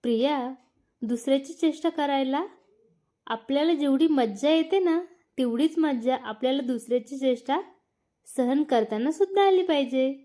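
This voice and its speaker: A woman's voice: high voice, normal speed, mellow, natural voice. A woman voicing a young husband who teases, then pleads and scolds, read as a storybook. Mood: scolding. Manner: playful teasing, later scolding. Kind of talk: storybook narration.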